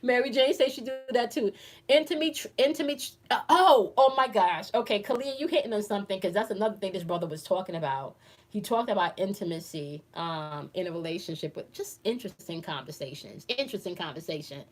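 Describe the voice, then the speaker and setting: Laughing often and calling her audience "y'all," a woman in her forties hosts a casual live chat, reading comments aloud and answering playfully. She talks fairly quickly in a mid-range voice, with slight background noise present.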